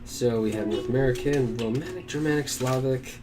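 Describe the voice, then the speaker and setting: A man's voice: mid-range voice, fairly quick. A man working as a game master, talking to himself in a casual, rambling way with many fillers while he plans his game. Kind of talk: casual solo stream prep, thinking aloud. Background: guitar music.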